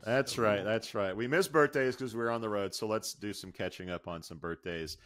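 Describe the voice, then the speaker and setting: A middle-aged American man co-hosts a podcast over a video call from a room at home, moving between upbeat banter and news reading into a close mic. His voice is on the low side, fairly quick and a bit bright.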